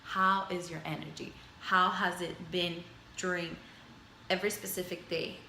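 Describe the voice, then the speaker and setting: A vlogger in her thirties from a Spanish-speaking background, Spanish being her native language, talks reflectively into her camera mic at home for a personal video journal, rambling through lists and repeating phrases. Her lowish voice is flat, gravelly, bright and forceful at a normal speed, and the audio sounds roomy with a little hiss or hum.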